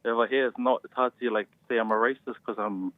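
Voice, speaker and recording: A man's voice: medium pitch, fairly even intonation, no echo. Young Kiwi man on a thin phone line. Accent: New Zealand. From New Zealand. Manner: halting, ends phrases with "eh". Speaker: caller, university student. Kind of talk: casual chat.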